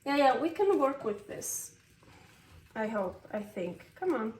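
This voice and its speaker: Pitched on the high side with a sing-song lilt, a measured pace, and a darkish tone, this Swiss woman talks in Californian English colored by Swiss inflections. As a cooking vlog host she chats loosely in her home kitchen, rambling, self-mocking, and letting out exclamations when something fails. Faint noise and a roomy, distant-mic sound fill the recording.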